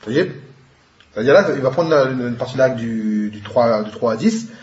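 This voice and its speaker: A man's voice: medium pitch, expressive, a little fast, darkish tone. A man teaching an Arabic grammar lesson, explaining patiently and mixing in Arabic terms. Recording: echoey room, dull lo-fi sound.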